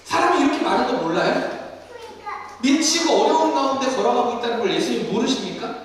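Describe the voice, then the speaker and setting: A male pastor delivers a sermon and acts out the scripture scenes in voices. His voice is high and very lively. The sound reaches the mic from a distance in a long-echoing hall, with faint room noise behind. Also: fast. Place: basement studio used for church services. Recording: echoey hall from far off.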